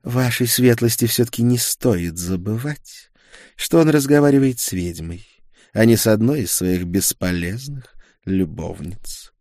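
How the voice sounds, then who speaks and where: A man's voice: medium pitch, expressive, moderate pace, a little mellow, no room sound, studio quality, voice pushed up, natural voice. A man reading an audiobook, voicing a proud young witch with a silky, mockingly polite and scornful manner. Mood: scornful politeness. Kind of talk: audiobook character voice.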